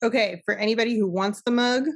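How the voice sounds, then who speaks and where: A woman's voice: on the high side, steady tone, fast. A woman co-hosting a podcast in a studio, joking bluntly and swearing casually. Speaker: podcast co-host. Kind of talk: casual chat.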